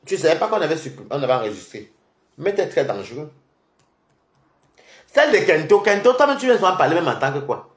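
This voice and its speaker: Speaking in a slightly high, sing-song voice, a young man delivers a heated livestream rant, taunting and mocking in rapid-fire fashion. The room he's in is echoey.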